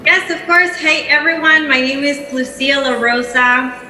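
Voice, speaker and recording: A woman from Peru speaks, her voice pitched a little high and sounding bright. She talks in an upbeat way and laughs easily. She is a guest on an event stage, and the sound rings through an echoey room. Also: normal speed, slight background noise. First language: Spanish. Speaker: guest entrepreneur. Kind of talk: onstage interview.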